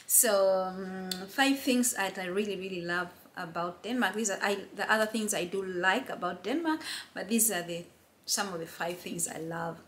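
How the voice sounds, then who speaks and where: A woman's voice: mid-range voice, normal speed, a bit bright, a little hiss or hum. A middle-aged woman from Uganda, chatting casually and earnestly to camera as a friendly vlogger. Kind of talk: casual vlog chat to camera.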